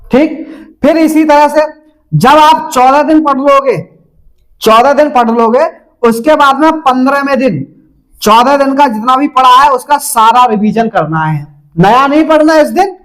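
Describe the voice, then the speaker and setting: A man's voice: extremely high pitch, unhurried, a bit bright, low-quality recording. A man giving casual exam-preparation advice to viewers, instructive and repetitive, speaking to them directly. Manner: instructive, repeats each step, addresses viewers directly. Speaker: exam-prep adviser.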